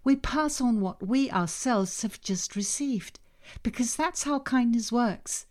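A podcast host and author whose first language is Danish reads her own scripted self-help narration in a mid-range voice. She sounds calm and measured, slowing down to emphasize key words.

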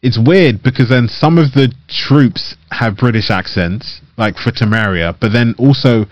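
A man's voice: mid-range voice, measured pace, no room sound, dull audio. A man co-hosting a podcast, chatting casually and rambling with lots of filler words. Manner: rambling, heavy use of "like" fillers. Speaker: podcast co-host. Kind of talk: casual chat about games.

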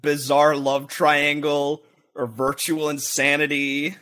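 A young man chatting casually on a podcast, rambling and excitable, swearing and breaking into shouted quotes. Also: fairly high pitch, slow. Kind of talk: casual chat.

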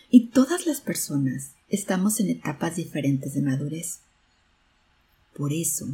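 A woman's voice: fairly low pitch, warm tone, breathy edge. A woman hosting a self-help podcast, talking in an earnest, encouraging way. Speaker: podcast host. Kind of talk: motivational self-help talk.

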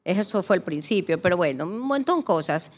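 A woman's voice: on the low side, big pitch swings, fairly quick. A middle-aged woman chatting about twenty years of running her spa. She reminisces and thanks her clients in an easygoing, grateful way. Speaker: spa founder and owner. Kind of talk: casual chat, thanking clients.

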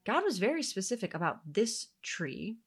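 Woman Bible teacher, earnest and reflective, lively pitch, occasional soft whispered asides. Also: moderate pace, husky.

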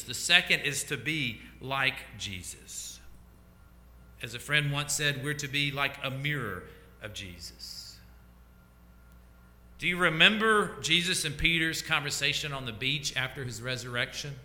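A man preaching a sermon as pastor, slow and deliberate, letting his voice fall to a hush at the ends of phrases. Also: medium pitch, animated. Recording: echoey church hall.

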